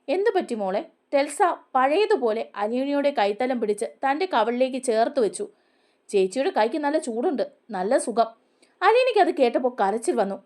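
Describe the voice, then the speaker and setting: Woman retelling a tv serial as a story, high pitched, expressive. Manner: steady, expressive reading. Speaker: serial recap narrator.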